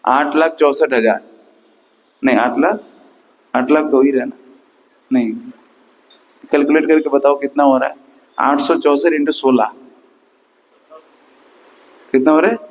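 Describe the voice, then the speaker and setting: A man's voice: medium pitch, fairly even intonation, a little slow, pauses often, low-quality recording. A man giving a Sunday class sermon, emphatic and questioning his listeners, counting and chanting aloud at times. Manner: emphatic, rhetorical questions to the audience. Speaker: preacher.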